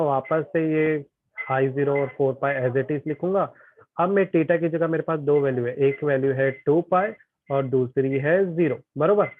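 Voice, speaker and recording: A man's voice: a little high, no echo. A male tutor teaching an online physics class, chatty and often checking that students follow. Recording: tinny phone-like online class audio.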